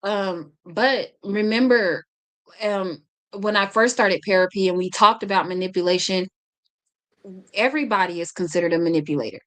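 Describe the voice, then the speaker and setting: A woman's voice: medium pitch, moderate pace. A woman hosting a podcast, chatting casually, talking a lot and often stumbling and restarting her sentences. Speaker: podcast host.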